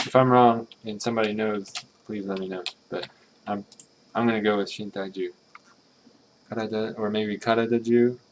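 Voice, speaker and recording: An English-speaking streamer works through a game's text to translate it, thinking aloud in a lowish voice over a little hiss or hum. Musing and tentative, he tries out readings, corrects himself, and mutters Japanese readings under his breath.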